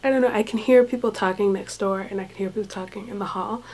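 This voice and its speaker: A woman talking softly and half-whispering in a casual vlog, recorded in a small room with thin walls. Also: mid-range voice, steady tone, fast talker, low-quality recording. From United States. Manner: talks softly and hushed, drifting into whispers. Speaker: vlogger, English teacher abroad.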